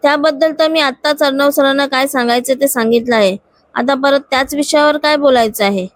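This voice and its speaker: A woman's voice: high voice, fairly quick, no room sound, close to an everyday voice. A woman doing a curt, irritated male boss.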